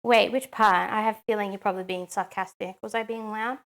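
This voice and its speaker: A woman's voice: mid-range voice, steady tone, fairly quick, a bit bright. A woman chatting casually on a live stream while she cooks at home, answering chat with lots of "um"s.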